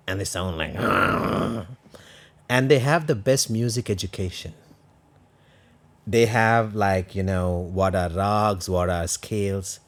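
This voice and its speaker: A man co-hosting a podcast, explaining ideas earnestly and asking rhetorical questions. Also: deep voice. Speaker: podcast co-host.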